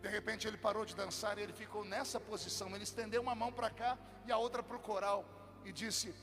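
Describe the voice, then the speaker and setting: A male preacher with a very high-pitched voice tells a story from the pulpit, building from dramatic narration to fervent shouts. He is recorded live in a large hall with a long echo. Worship music plays clearly behind him. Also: level tone, fast. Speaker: pastor. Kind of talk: sermon with storytelling.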